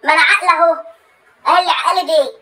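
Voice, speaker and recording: A woman's voice: very high voice, steady tone, rapid-fire, sharp tone, poor audio. A young woman with an Egyptian accent, complaining emphatically and repeating herself in a comic sketch. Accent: Egyptian Arabic. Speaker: comedy sketch creator. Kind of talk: comedic monologue with phone calls.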